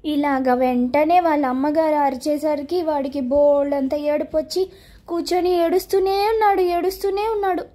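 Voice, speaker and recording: A woman narrating a children's story in an unhurried, gentle way. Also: sits high, fairly even intonation.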